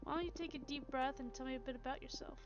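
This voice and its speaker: Woman reading a gentle, welcoming witch. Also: high-pitched, fairly even intonation, fast talker, noisy background, lightly acted. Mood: kind. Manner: gentle, reassuring. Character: kind welcoming young female witch. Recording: dull lo-fi stream audio with game music.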